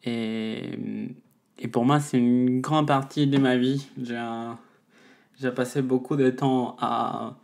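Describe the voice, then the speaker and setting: A woman, a musician answering interview questions in a halting way, searching for her words. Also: a bass voice, steady tone, vocal fry, darkish tone. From Mexico. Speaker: guest, musician.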